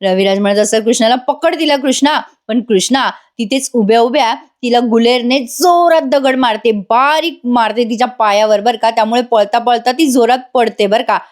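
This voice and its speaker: Woman reviewer, chatty voice-over recap, talks straight to viewers, a bit high-pitched. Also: normal speed, hardly any pauses. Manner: chatty, addresses viewers directly. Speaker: TV serial reviewer.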